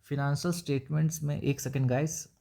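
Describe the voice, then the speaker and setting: A man talks through a company's stock figures in a relaxed, conversational way. He reads numbers slowly off a screen, with filler pauses. He keeps checking that the listener is following. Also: a little high, creaky. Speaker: stock market YouTuber. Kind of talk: casual explanatory stock analysis with screen share.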